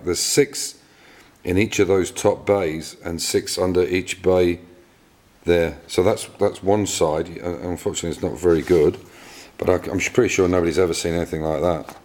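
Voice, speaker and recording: With a low, slightly mellow voice and an English accent, a middle-aged car restorer vlogger from England talks casually about his car work, using plenty of fillers and repeated words. The casual workshop vlog comes from an echoey garage with faint noise.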